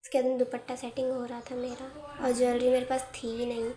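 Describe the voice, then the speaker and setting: A woman's voice: on the high side, completely flat delivery, a little fast, warm tone. A young woman narrating a casual home vlog in a chatty, giggly, self-teasing way. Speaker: vlogger. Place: home, indoors.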